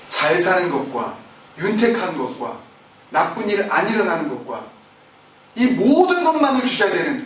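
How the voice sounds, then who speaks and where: A man's voice: a bit bright, a little hiss or hum. Man preaching in an echoey church. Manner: preaching with rhetorical questions to the congregation; acts out quoted complaints with raised pitch. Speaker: pastor. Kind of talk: sermon. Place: church sanctuary. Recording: very echoey room, voice from a distance.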